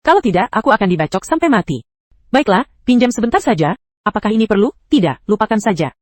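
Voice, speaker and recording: A woman's voice: medium pitch, very animated, quick pace, no echo. A synthetic text-to-speech female voice narrating an anime recap, reading every character's lines in the same voice.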